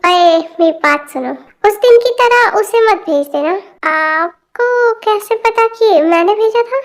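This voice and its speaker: A woman's voice: extremely high pitch, animated, unhurried, exaggerated voice. A woman voicing a young man, a curt and dismissive older brother, in an amateur fan dub. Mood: gruff. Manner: curt and dismissive, trades insults.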